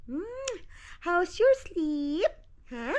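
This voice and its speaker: A chatty woman from the Philippines with a high voice runs a casual home vlog. She talks straight to her viewers and keeps calling them "day" and "inday". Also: sing-song, drawn-out words, a little mellow. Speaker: vlogger mother. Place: at home indoors.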